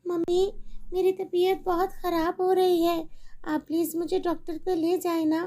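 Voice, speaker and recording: A woman's voice: very high-pitched, level tone, unhurried, pitched above the performer's own voice. A woman doing a meek, pleading little girl. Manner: soft, pleading. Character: meek young schoolgirl daughter, polite and pleading.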